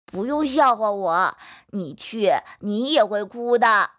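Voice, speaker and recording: A woman's voice: medium pitch, animated, slow pace, fairly bright tone. A woman voicing a chatty young child who is a bit boastful, in a storybook reading. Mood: cheerful. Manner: childlike, reassuring, slightly teasing.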